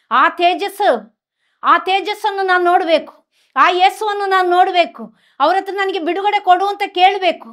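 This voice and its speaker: A fervent woman preacher with a high voice, retelling a scripture story and repeating key phrases for emphasis. She speaks straight to her listeners, rising and falling between hushed narration and loud exhortation. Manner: fervent, repetitive, addresses listeners directly. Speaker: preacher, religious sister. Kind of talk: impassioned sermon storytelling.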